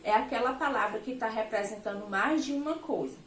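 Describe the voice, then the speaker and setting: A Brazilian woman teaching a recorded children's lesson. She talks warmly to her pupils and checks their understanding often. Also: a little high, a little fast. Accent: Brazilian Portuguese. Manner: affectionate, checks in with "tá certo?" often. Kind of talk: remote class lesson for children. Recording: echoey room, faint background noise.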